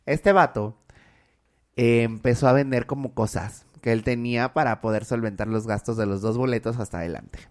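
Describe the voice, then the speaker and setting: A Mexican man tells a story on a podcast in a loose, dramatic way, full of slang and swearing. His voice sits at a middling pitch for a man, and he throws himself into every turn of the telling. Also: normal speed. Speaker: podcast co-host. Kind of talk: casual chat, storytelling.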